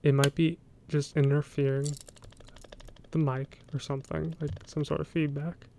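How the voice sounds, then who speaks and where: An American man hosting a soft-spoken ASMR show-and-tell, talking in a casual, rambling, hesitant way. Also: a little high, little pitch movement, moderate pace, vocal fry, slight background noise. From United States. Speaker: ASMR video host.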